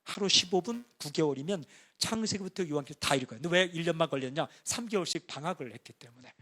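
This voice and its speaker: High-voiced pastor preaching warmly. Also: male voice, fast talker. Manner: conversational storytelling, bursts into excited singing and shouting. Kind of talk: sermon.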